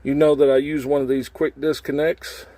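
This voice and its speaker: A trucker hosts a casual hands-on how-to video, talking through a job in folksy, informal phrasing while he works in and around his truck cab. His voice is fairly high yet dark in tone, level and at normal speed, in a dry recording.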